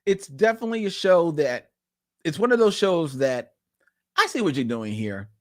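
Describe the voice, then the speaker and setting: A man's voice: a little high, big pitch swings, moderate pace, fairly bright tone, dry recording, studio quality. A man co-hosting a podcast in casual chat, laughing often and reading listener posts aloud. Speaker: podcast co-host.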